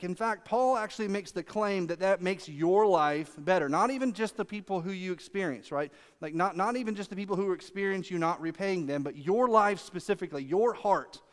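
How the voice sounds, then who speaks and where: Pastor guy preaching, high voice, chatty w lots of asides, long hall echo. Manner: conversational preaching with asides and rhetorical questions. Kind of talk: sermon.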